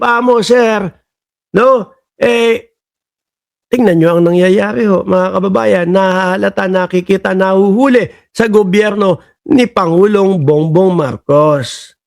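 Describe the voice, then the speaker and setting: A man's voice: high-pitched, vocal fry. A man vlogging casual political commentary, mocking and chatty, calling out to his viewers as bosses and countrymen.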